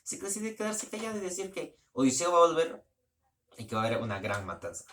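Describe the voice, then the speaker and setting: A man's voice: a little high, big pitch swings, fast talker, a bit bright. A man giving a casual spoken plot summary in a loose, rambling way, often restarting his sentences. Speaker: book reviewer.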